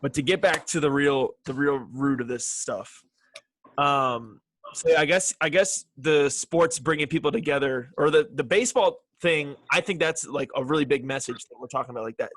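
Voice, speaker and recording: A man's voice: medium pitch, moderate pace, fairly bright tone, dry recording. A young man hosting a casual podcast chat, laid-back and chatty, swearing and laughing often. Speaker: podcast host.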